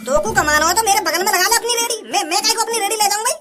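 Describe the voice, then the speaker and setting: A woman's voice: very high voice, racing. A woman voicing a stubborn, proud old male street food vendor in a cartoon, who scolds and stammers when upset. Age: older. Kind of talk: cartoon voice acting. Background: music.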